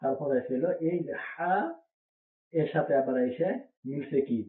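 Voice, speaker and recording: A patient male teacher walks through letter names one at a time, repeating each pair and pausing to check understanding. The sound is thin and phone-like, with a hollow, echoey ring around the voice. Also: a little high. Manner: repeats each letter name slowly, asks checking questions. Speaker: Quran reading teacher. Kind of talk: patient step-by-step letter drill.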